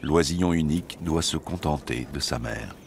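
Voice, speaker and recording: A man narrating a nature documentary from a script, in a measured storytelling delivery. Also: rumbling low, gravelly, slight background noise.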